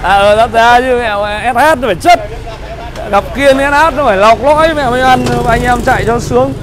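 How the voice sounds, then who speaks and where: A man in his thirties with a northern Vietnamese accent gives a live street sales pitch as a motorbike dealer, in repetitive hawker-like patter. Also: normal speed, crowd noise. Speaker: used motorbike dealer, livestream host. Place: busy street outside a motorbike shop. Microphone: clip-on lapel mic. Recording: loud street traffic noise.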